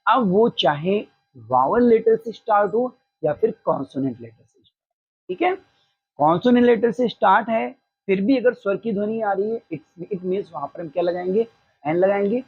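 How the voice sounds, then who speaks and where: Teacher, grammar lesson, husky breathy voice, asks and answers own questions, repeats key phrases, dry close sound. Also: medium pitch, a little mellow, no echo. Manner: mixes in short English phrases. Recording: slightly dull lo-fi recording.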